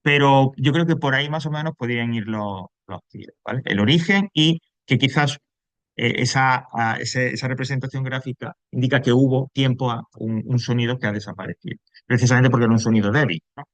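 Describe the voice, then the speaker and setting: A man's voice: mid-range voice, a little fast, dry recording. Andalusian male teacher explaining grammar. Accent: Andalusian Spanish. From Andalusia, Spain. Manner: explanatory, keeps checking with "right?". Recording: dull, dry, muffled.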